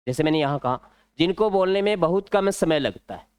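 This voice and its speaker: A man with a Rajasthani Hindi accent teaching an exam-prep grammar lesson, explaining slowly and repeating key words. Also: fairly high pitch, expressive, smooth, no room sound.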